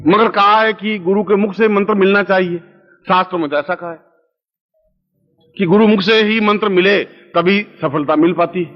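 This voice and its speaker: A man with a fairly high voice gives a spiritual discourse as a guru. He dictates a mantra slowly, syllable by syllable, and chants the syllables aloud. The recording is dull and lo-fi, with a long reverb trailing off in a large hall. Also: steady tone. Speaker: guru leading a mantra practice.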